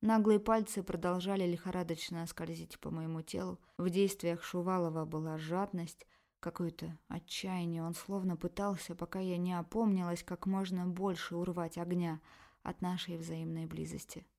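A woman reading a first-person erotic novel aloud in an expressive, emotional way. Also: lowish voice, moderate pace. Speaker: audiobook narrator.

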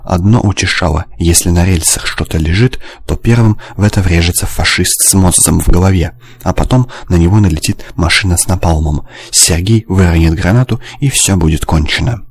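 Deep husky male audiobook narrator. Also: a little fast. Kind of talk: scripted narration.

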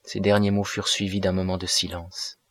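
Man, audiobook narrator, deep, level delivery, dry close recording. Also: monotone, a little fast, no echo.

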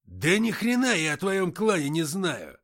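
A crude young bandit with a short fuse, put on by a man reading an audiobook. He bellows every line, his voice jumping high and swinging widely in pitch. An indignant, brawling manner in a storybook reading. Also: huge pitch swings, measured pace, full character voice. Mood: angry yelling. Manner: yelling, indignant. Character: hot-tempered young male bandit, loud and crude.

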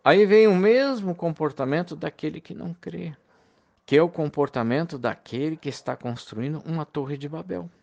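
A man's voice: on the high side, normal speed, gravelly, a little mellow, highs cut off. A man preaching a recorded sermon to fellow believers, in an earnest, pleading and heartfelt manner.

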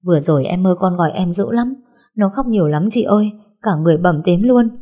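A woman's voice: lowish voice, lively intonation, brisk, warm tone. A woman voicing a young mother who pleads urgently to see her son in a story. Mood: anxious.

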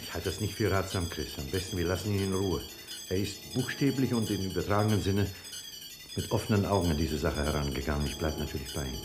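In a 1950s German radio drama with music, an actor plays a grave, cautious male physician narrating a disaster. He sounds grave and concerned, choosing measured, deliberate, careful words in a low-pitched, natural male voice.

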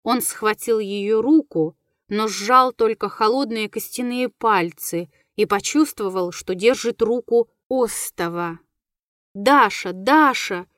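A woman's voice: a little high, measured pace, no room sound. Woman narrating a classic tale, dry sound. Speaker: audiobook narrator. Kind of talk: literary audiobook narration.

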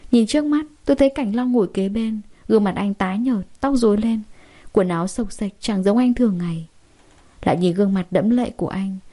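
A woman narrating a dramatic first-person story in a steady, emotional storytelling manner. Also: fairly high pitch.

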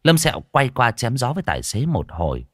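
A man narrating a comic story in a lively, playful storytelling manner. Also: medium pitch, brisk, no echo, studio quality.

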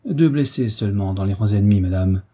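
A gallant young hero, voiced by a man, calm and courteous, reassuring a frightened lady. The voice is low, dark and mellow, with a husky breathiness, read for a storybook. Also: fairly quick.

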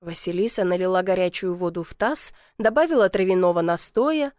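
A woman's voice: fairly low pitch, fairly quick, darkish tone, no room sound, clean studio sound. A woman reading a first-person audiobook story in a wry storytelling manner. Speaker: narrator. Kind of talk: audiobook narration.

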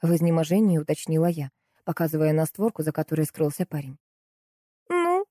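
A woman reading a first-person story aloud as an audiobook, in a lively, ironic storytelling manner. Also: low voice, quick pace, no echo, studio quality. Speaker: audiobook narrator.

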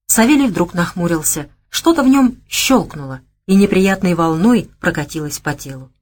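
Female audiobook narrator, measured and calm, lower register. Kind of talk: scripted narration.

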